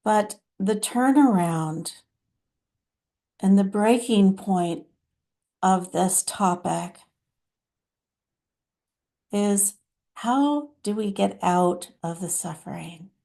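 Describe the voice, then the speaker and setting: A woman channeling a compassionate, motherly female divine spirit who speaks slowly and soothingly to listeners as her children. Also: medium pitch, animated, creaky, dark tone, full character voice.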